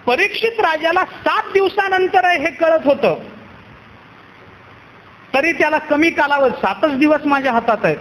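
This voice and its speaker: Male Marathi preacher, very high voice, storytelling sermon in a reverberant hall with faint noise. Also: moderate pace, long pauses, a bit bright. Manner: acts out characters in a story, rhetorical questions. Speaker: Warkari kirtan preacher.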